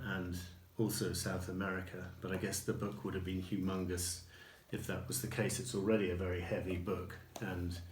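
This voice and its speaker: A man with a low voice talks through his purchases in a casual review, unhurried and full of ums and small restarts. The recording sounds roomy and echoey, with a faint hiss underneath. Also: a little mellow. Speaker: record collector showing purchases. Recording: echoey room with faint noise.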